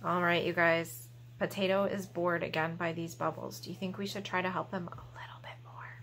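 A library storytime host in her thirties reads to children from a small room at home, playful, exaggerated and encouraging. Her voice is lowish and fairly bright, with little pitch movement and normal speed, and there's slight background noise.

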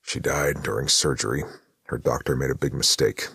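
A man voicing a quiet, reserved older widower who runs a motel, in an audiobook. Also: rumbling low, fairly even intonation, normal speed, creaky, husky, dry recording, studio quality, heavily acted. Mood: subdued. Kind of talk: audiobook narration.

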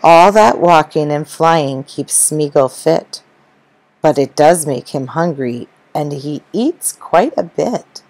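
A woman narrating a rhyming children's story, gentle and rhythmic. Her voice sits low and moves at an unhurried pace. The recording is dry and close. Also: animated, no echo, low-quality recording. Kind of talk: children's story reading in rhyme.

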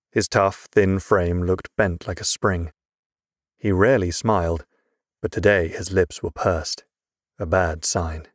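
A man reading a fantasy audiobook in a measured, even storytelling voice. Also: low-pitched, no echo, studio quality. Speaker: audiobook narrator. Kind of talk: scripted narration.

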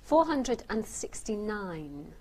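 A woman co-presenting a numbers round on a television quiz. She speaks at a middle pitch, brisk and precise. A light hiss sits under her voice. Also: big pitch swings, warm tone. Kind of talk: game show numbers presenting.

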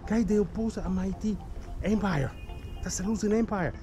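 A man's voice: high voice, moderate pace, warm tone, soft background music, low-quality recording. A man giving a casual history talk as a tour guide, chatty, often calling listeners "guys" and restarting his sentences, recorded outdoors on a city street by a camera mic. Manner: chatty, addresses listeners as "guys", many "okay" and "right" tags; frequent restarts and small laughs.

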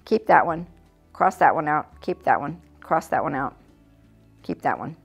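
Her deep voice swings widely in pitch, moving at a moderate pace with a creaky, slightly rough texture over soft background music. She's a middle-aged American woman giving a casual demonstration of a children's church lesson in a classroom, chatty and laughing easily. A fixed camera records her from mid distance.

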